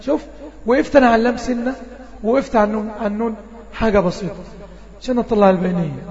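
Dull, lo-fi audio with a long reverb tail carries a high, darkish male voice with an Egyptian Arabic accent. He's teaching Quran recitation online, somewhat strained, slowly elongating example words and frequently checking in with the class.

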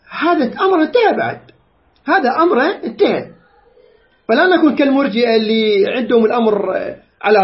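A man's voice: extremely high pitch, muffled recording. A man giving an earnest religious lecture, explaining rulings point by point and citing sources.

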